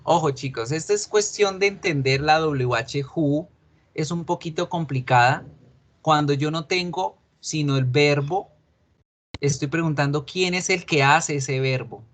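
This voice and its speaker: A man teaches English over an online class, speaking slowly with a slightly raised pitch. He explains patiently step by step and stops to check that students follow. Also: a bit bright.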